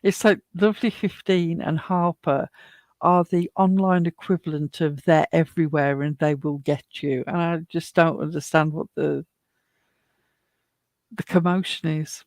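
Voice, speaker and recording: A woman's voice: low voice, steady tone, unhurried, darkish tone, no room sound. Chatty woman rambling on a livestream. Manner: rambling, chatty, laughs often. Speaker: livestream co-host. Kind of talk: casual chat reading a live chat.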